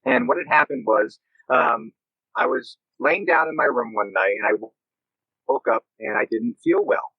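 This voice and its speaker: A man's voice: high voice, huge pitch swings, moderate pace, creaky, no echo. A man from Massachusetts, a guest paranormal investigator, telling a story over a choppy, breaking-up video call with many "uh" fillers. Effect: choppy, breaking-up video call connection. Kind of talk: casual interview answers. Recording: dull lo-fi call audio.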